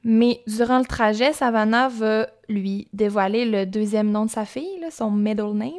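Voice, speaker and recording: A woman's voice: a little high, moderate pace, a little mellow. A young woman with a Québécois accent casually telling a true-crime story on a podcast, chatty and informal with asides. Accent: Québécois French.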